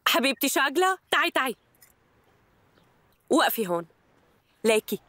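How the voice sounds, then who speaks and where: A woman's voice: high-pitched, very animated, moderate pace, bright, forceful tone, no echo, exaggerated voice. A woman dubbing a bold young woman who hosts her own online show and speaks to her viewers with brash confidence. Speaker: dubbing actress. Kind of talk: Arabic dub of a TV drama.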